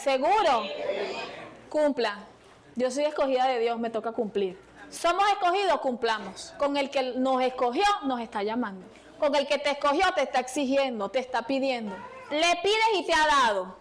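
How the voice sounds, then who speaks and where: In a small church, a high-voiced woman preacher delivers a fervent sermon, calling out to her congregation and pleading with them.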